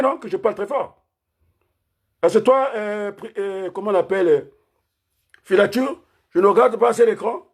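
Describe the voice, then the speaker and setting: A man delivering an impassioned political rant, firing off rhetorical questions and repeatedly raising his voice almost to a shout. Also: high voice, slightly rough. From Republic of the Congo. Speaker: political commentator.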